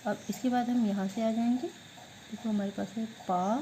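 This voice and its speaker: A woman teacher giving an online class lesson, who asks questions and answers them herself, drilling words slowly syllable by syllable. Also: a little high, fairly even intonation, warm tone, a little hiss or hum, low-quality recording.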